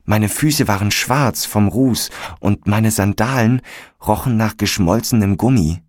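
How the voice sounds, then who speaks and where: A man narrating a story in a calm, measured audiobook style. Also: lowish voice, no echo, studio quality.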